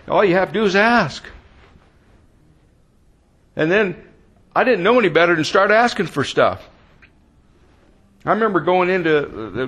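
This man preaches conversationally in a fairly high, slightly bright voice. He frequently asks the congregation questions and repeats words while hunting for the right phrasing.

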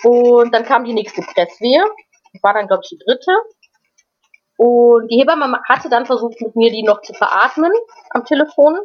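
A woman guest recounts a personal experience in casual, unscripted talk. Her voice sits a little high, and she often stops and repeats words before going on. The recording sounds slightly muffled and lo-fi. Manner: halting, frequent restarts and repeated words. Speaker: interview guest. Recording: dull lo-fi recording.

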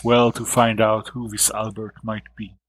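A man speaking as a player in a tabletop game, recounting with many halting pauses. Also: lowish voice, monotone, slight background noise, poor audio. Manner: halting, filler-heavy recounting.

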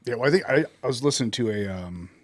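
A man's voice: mid-range voice, quick pace, no echo, studio quality. A man hosting a podcast, chatting casually and hesitantly with frequent "um"s. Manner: relaxed, hesitant with many "um"s. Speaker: podcast host. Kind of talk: casual interview chat.

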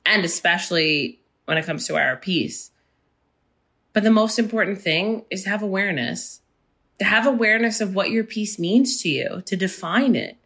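A woman with a raspy voice hosting a solo podcast, talking slowly and gently about finding inner peace. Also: medium pitch. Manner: slow, gentle, unhurried delivery. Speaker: podcast host. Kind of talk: reflective solo podcast talk.

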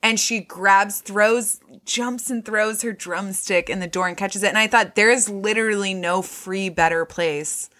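A woman's voice: mid-range voice, unhurried, few pauses, pushed and bright. A woman co-hosting a podcast, recapping a movie in loose, chatty talk full of "like" and casual swearing. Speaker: podcast co-host.

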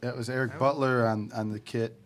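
A man's voice: medium pitch, steady tone, brisk. Laid-back rambling male band guest. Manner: rambling, laid-back storytelling with many fillers. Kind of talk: casual podcast chat.

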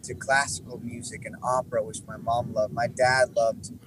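A young man telling his faith story in relaxed conversation, rambling with many restarts. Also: mid-range voice, normal speed. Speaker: guest musician. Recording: background noise.

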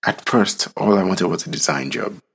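A man, from Nigeria, telling his own story in slow, solemn, reflective narration. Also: sits low, lively intonation, gravelly, fairly bright tone, breathy edge. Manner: slow, solemn, deliberate delivery.

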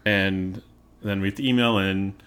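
Young male podcast host, very low voice, chatty and rambling. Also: normal speed, clear, resonant tone. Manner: animated, rambling with many likes, gets loud when emphatic. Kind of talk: casual chat.

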